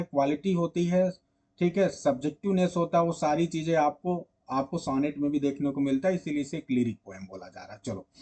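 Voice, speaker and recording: A man's voice: a little high, darkish tone. A man giving an exam-prep literature lecture, explaining patiently, repeating key points and quizzing students with rhetorical questions. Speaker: literature teacher.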